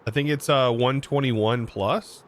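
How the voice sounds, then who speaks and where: A man's voice: mid-range voice, unhurried, slight background noise. An American man streaming a game, chatting casually and answering his chat in disbelief. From United States. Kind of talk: casual livestream chat while gaming.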